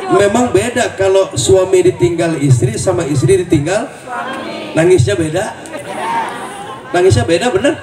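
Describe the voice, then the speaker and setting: A man's voice: high-pitched, moderate pace, pauses often. A male preacher giving a humorous sermon, teasing the congregation with questions and jokes. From Indonesia. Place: mosque gathering with crowd. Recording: echoey hall, voice from far off, crowd noise.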